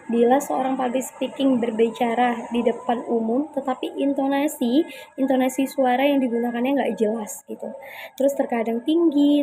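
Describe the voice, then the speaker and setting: A young woman giving an informal class presentation, chatty and hesitant, pausing often with fillers. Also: on the high side, noisy background. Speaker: student presenter.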